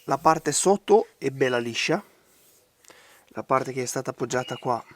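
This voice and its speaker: A man with a hoarse, congested voice giving out from a bad cold, talking casually through a hands-on craft tutorial. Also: medium pitch, animated, moderate pace. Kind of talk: casual hands-on DIY commentary. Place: outdoors in a garden.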